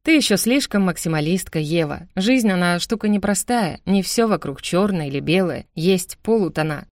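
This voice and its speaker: A woman voicing a young adult man, an easygoing stepbrother who teases his sister in a calm, mildly sarcastic way. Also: fairly low pitch, moderate pace, dry recording, clean studio sound. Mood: teasing calm.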